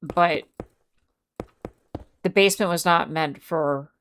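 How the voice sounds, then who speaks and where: A woman's voice: lowish voice, slow pace, fairly bright tone, slight background noise. A woman streamer chatting casually with her viewers, reading out and answering chat messages. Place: home.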